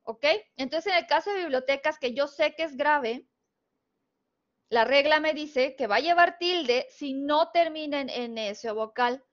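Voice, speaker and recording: A dull, lo-fi recording captures a woman with a high, slightly slow voice and a northern Mexican Spanish accent. She teaches spelling, patiently stepping through the rules and checking in with her students.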